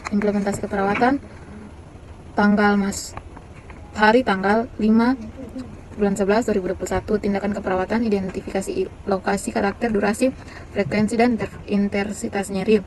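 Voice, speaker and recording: A woman reading a nursing care plan aloud, halting often with fillers and restarts, in a flat, list-like way. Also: medium pitch, slight background noise, poor audio.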